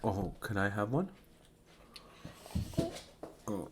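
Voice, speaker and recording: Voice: low voice, expressive, very slow, slight background noise. A parent hosting a casual family eating video, coaxing a small child with sing-song questions.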